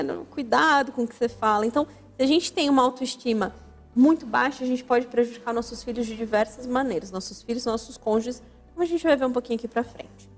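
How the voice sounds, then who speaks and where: A woman hosting a radio talk on family life, teaching in an emphatic, didactic way and repeating key words for stress. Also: sits high. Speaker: radio show host and family counselor. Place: radio studio.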